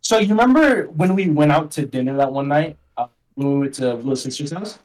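A young man guesting on a casual podcast, his voice sitting a little high for a man. He rambles through his stories in loose slang, leaning constantly on "like" and "bro". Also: expressive, a little fast, a little mellow, poor audio. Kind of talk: casual chat.

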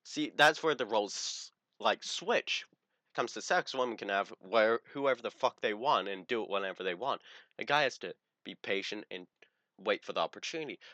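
A man's voice: on the low side, pushed and bright, dry recording. A young man co-hosting a casual chat show, brash and crude, laughing often as he tells stories. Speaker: podcast co-host.

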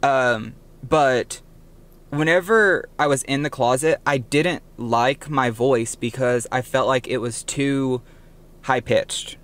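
A man's voice: mid-range voice, takes it slowly, fairly bright tone. A young man co-hosting a casual podcast, telling stories and correcting himself as he goes, into a budget microphone. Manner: chatty, self-correcting storyteller. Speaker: podcast co-host. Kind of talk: casual chat.

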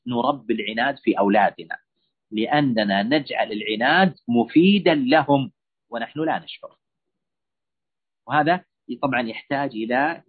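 A man giving a religious lecture on parenting, answering listeners' questions in an earnest, admonishing way with lots of repetition. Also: mid-range voice. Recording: husky voice over a tinny phone-like line.

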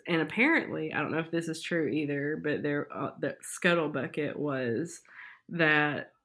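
A woman's voice: low voice, normal speed, fairly bright tone. A woman chatting casually with a friend, hedging her gossip with "like" and "supposedly". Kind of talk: casual chat.

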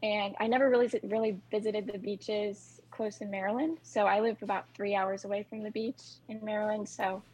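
A woman's voice: mid-range voice, fairly even intonation, moderate pace, hardly any pauses, darkish tone, slight background noise, rough recording. A woman answering as a podcast guest in a casual way, often using "like". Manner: casual, uses "like" and restarts. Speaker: guest, environmental activist.

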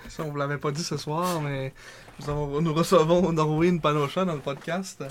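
Higher-pitched Québécois man chatting informally. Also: fairly even intonation, moderate pace, very noisy. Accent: Quebec French. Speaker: podcast co-host. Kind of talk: casual chat.

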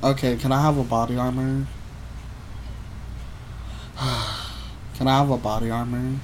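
A man's voice: mid-range voice, flat delivery, a little slow, a little hiss or hum, poor audio. A young man in casual, slangy podcast chat, blunt and teasing, with plenty of swearing. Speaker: podcast host.

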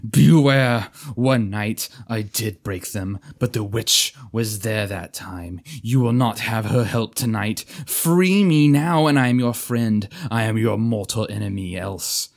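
A man's voice: on the low side, animated, measured pace, gravelly, few pauses. A man reading aloud, voicing a tormented young knight who begs to be freed, his pleading rising toward shrieks. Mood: frenzied.

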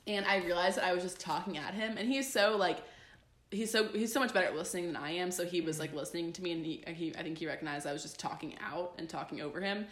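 A woman's voice: lowish voice, fairly bright tone, roomy sound. Playful, teasing woman in her twenties. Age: 20s. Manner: playful, quick to tease and interrupt. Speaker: podcast co-host. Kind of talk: casual chat over wine.

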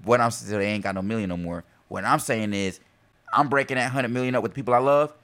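A young man from North Carolina co-hosting a casual podcast, talking in relaxed slang and getting loud and laughing when he's excited. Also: mid-range voice, quick pace. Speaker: podcast co-host. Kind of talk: casual chat.

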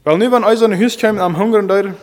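Man, preacher, halting delivery, slightly high voice, long hall reverb. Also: soft background music. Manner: halting, repeats and restarts phrases. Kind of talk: sermon.

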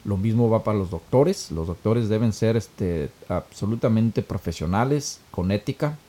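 A man's voice: fairly low pitch, lively intonation, normal speed, dark tone. A middle-aged man, telling a story and giving advice in a folksy, casual way with many filler words. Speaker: storyteller, moral speaker.

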